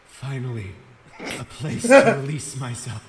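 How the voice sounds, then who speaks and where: A man's voice: medium pitch, big pitch swings, a little slow, background noise. A man voicing a brooding, crude, self-important hedgehog antihero with grandiose earnestness in an improvised comedy game fandub. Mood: smug. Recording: echoey voice under loud music.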